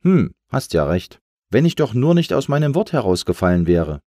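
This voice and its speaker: A man's voice: medium pitch, very animated, normal speed, darkish tone, no room sound, clean studio sound, pitched above the performer's own voice. A man voicing a big talking letter A, fretful and complaining, in a storybook. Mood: worried. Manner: worried, complaining.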